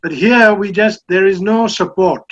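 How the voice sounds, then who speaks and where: A man's voice: high voice, moderate pace. A man, a theatre director, explaining earnestly on a video call, often repeating his words. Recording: dull lo-fi video call audio.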